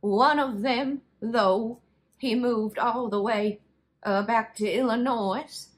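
A woman's voice: fairly high pitch, slow pace, poor audio. A woman voicing a sweet, rambling old lady in her late eighties, folksy and obtusely literal, in a prank call. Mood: rambling, obliviously literal. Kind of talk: prank phone call role-play. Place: small bedroom, indoors.

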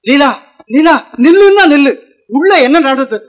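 An actor playing a stern older uncle who heads the household, grumbling with gruff interjections in 1950s film style. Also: male voice, very high-pitched, animated, moderate pace.

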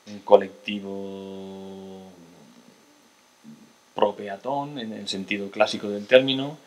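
Speaking slowly in a fairly low, level, fairly bright voice, the Spanish lecturer addresses his audience from a table in a lecture hall. He hesitates, restarts sentences and uses tag questions, and a table mic on a stand records him.

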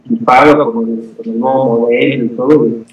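A man in his forties, guest in a casual interview, replying in a relaxed, agreeable way from his racket shop over a webcam. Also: mid-range voice, moderate pace, echoey room, muffled recording. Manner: relaxed, short agreeable replies. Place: indoor shop with rackets on the wall. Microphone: webcam on a video call.

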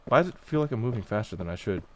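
A man hosting a horror game let's-play, talking to the game and swinging between hushed and loud reactions. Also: lowish voice, lively intonation, racing. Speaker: gaming video host.

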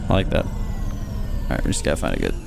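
A man's voice: a bass voice, very animated, brisk, vocal fry. A man casually commentating a live game stream, playful and chatty with his viewers. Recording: music behind the voice.

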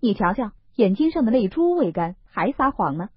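A woman's voice: on the high side, big pitch swings, moderate pace, husky, no room sound. A woman doing Baoyu, an earnest young nobleman. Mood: earnest coaxing. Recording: dull, lo-fi, dry recording.

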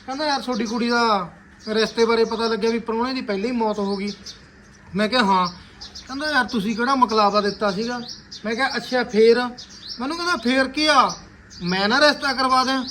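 A man's voice: very high-pitched, brisk, bright, forceful tone, slight background noise. A man playing a hot-tempered young village man. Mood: indignant retelling. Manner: angry, cursing, retells a conversation at length. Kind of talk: rural family drama.

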